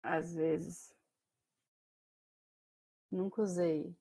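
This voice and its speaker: A woman teacher from Mato Grosso do Sul delivers a chatty lecture to her students, loaded with fillers and questions. Her accent is Brazilian Portuguese with São Paulo caipira influence. The voice sits on the low side, steady, mellow and a bit rough, and she speaks extremely slowly.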